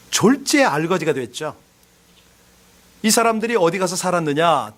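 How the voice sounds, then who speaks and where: A male pastor giving a sermon, earnestly asking the congregation questions and telling a story with rising emphasis. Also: sits high.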